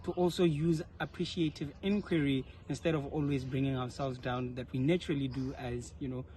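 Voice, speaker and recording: A young South African man, a leadership fellow, gives reflective answers in an informal interview, speaking earnestly and articulately. His medium-pitched voice is warm and brisk, with fairly even intonation. Faint ambient noise sits in the background.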